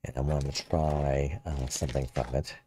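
A man's voice: steady tone, normal speed, mellow, a little hiss or hum. A man streaming with a voice changer on, chatting casually in a rambling, joking way with frequent self-interruptions. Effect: voice changer pitching the voice very deep. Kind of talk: casual livestream chat.

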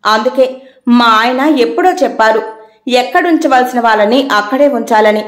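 A woman voicing a caring but quick-tempered housewife who scolds and questions sharply. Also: on the high side, roomy sound, natural voice. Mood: scolding.

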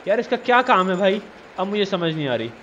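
A man's voice: high-pitched, big pitch swings, fairly quick, a bit bright, highs cut off, slight background noise. A man giving casual let's-play commentary, teasing and scolding the character he controls. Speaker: gamer.

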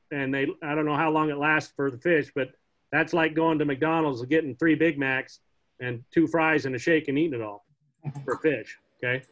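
A middle-aged man teaching a casual online fly fishing class from home, chatty and relaxed, joking with the kids as he shows flies on a webcam. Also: fairly high pitch. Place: home room, indoors. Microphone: laptop webcam on a video call. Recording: dull lo-fi video call audio.

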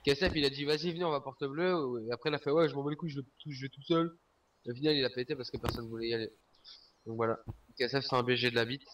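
A man's voice: mid-range voice, fairly even intonation, very fast, recorded from a distance, noisy background. A young man in a headset chatting casually and joking crudely with friends during an online game. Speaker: gamer on voice chat. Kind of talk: casual gaming chat.

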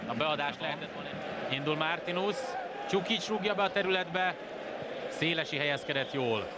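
A man giving Hungarian sports commentary as a football commentator. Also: on the high side. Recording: broadcast over loud stadium noise. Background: loud stadium noise.

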